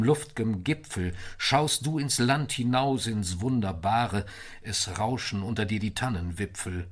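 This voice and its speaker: Husky man reciting poetry dramatically. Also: fairly low pitch. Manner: expressive, swelling and dropping in volume.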